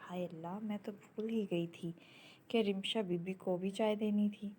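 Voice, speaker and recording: A woman's voice: medium pitch, fairly even intonation, darkish tone, slight background noise, natural voice. A woman playing a devoted, motherly old servant woman. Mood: kindly. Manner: polite, deferential. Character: older female family servant, devoted and motherly.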